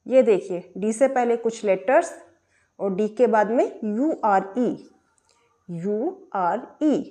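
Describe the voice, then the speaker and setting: Woman, pronunciation teacher, slow deliberate delivery, spells out letters, rhetorical questions. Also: on the high side, lively intonation, mellow. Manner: spells words letter by letter, asks and answers own questions. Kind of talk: explaining pronunciation rules.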